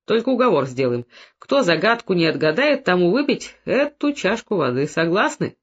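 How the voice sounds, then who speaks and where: A man's voice: high voice, very animated, normal speed, fairly bright tone, slightly rough, lo-fi sound, full character voice. A man voicing a folksy village riddle-teller. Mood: easygoing.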